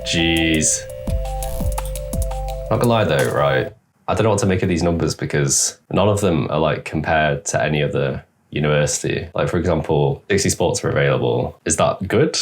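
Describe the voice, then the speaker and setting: A man's voice: extremely low pitch, faint music behind. A young man hosting a reaction video, casually commenting on clips with sarcastic asides. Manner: sarcastic, talks back at clips with quick asides.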